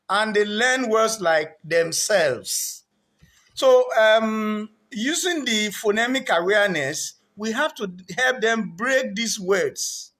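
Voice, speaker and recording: A man running a reading programme, explaining literacy to parents in an earnest way, breaking words into parts and repeating them deliberately. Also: high voice, a bit bright. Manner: earnest, with frequent restarts.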